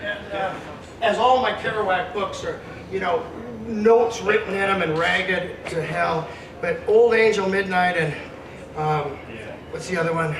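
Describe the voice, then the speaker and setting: At a casual live poetry reading, a man performs with playful drama, reading aloud animatedly and offering casual introductions. He speaks unhurriedly in a high-sitting voice, captured by a distant, roomy mic with faint noise.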